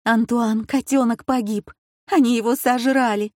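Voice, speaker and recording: A woman reading a storybook, voicing a terrified young wife who cries out in shrill panic. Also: slow, warm tone, slightly rough, dry recording, clean studio sound. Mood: panicked.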